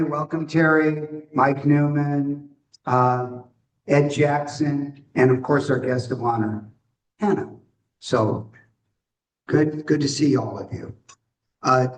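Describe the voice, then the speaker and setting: A man running a club meeting in a relaxed, joking way, welcoming members and guests. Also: a little high, recorded from a distance, poor audio. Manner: relaxed, joking, slow-paced. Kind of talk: casual meeting chat.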